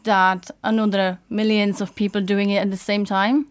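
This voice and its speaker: A woman's voice: medium pitch, level tone, moderate pace, smooth. Czech woman speaking earnestly. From Czech Republic. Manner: earnest, hesitant phrasing. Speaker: guest. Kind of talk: casual radio discussion.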